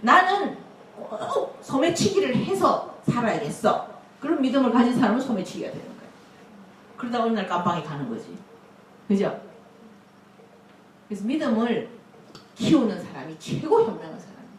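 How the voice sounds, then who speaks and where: A woman pastor preaching a lively sermon, laughing often and acting out quotes. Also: medium pitch, fairly quick, long pauses, a little hiss or hum. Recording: echoey room, mic at a distance.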